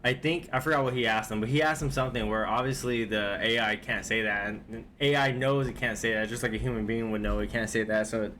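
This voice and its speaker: A man talks his way through a string of video clips at home, loose and unhurried, circling back with plenty of filler words. His voice sits at an ordinary middle pitch, and a faint hiss runs under the recording. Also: steady tone, bright, forceful tone. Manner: rambling, laid-back, heavy with fillers. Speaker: reaction video host. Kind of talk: casual reaction commentary.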